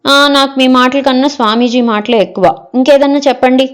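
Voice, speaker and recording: A woman's voice: sits high, steady tone, a little fast, soft background music, pitched above the performer's own voice, natural voice. A woman reading the part of a picky middle-aged wife in an audio story, scolding and rejecting every suggestion.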